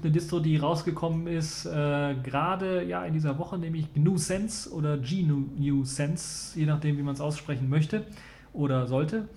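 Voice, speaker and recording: Chatty male podcast host, slightly high voice. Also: a little mellow. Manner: chatty, many filler sounds, addresses listeners directly. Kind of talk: casual tech news podcast.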